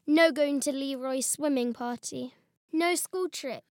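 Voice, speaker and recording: A woman reading a children's storybook aloud in an expressive first-person voice, as a young boy telling his own story. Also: high voice, unhurried, no room sound, clean studio sound. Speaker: storybook reader.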